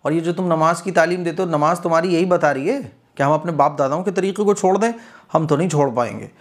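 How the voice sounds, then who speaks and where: A man's voice: on the high side, fast talker, close to an everyday voice. A man putting on sneering stubborn townsmen. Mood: mocking. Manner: sneering, taunting. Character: sarcastic stubborn crowd of townsmen, mocking.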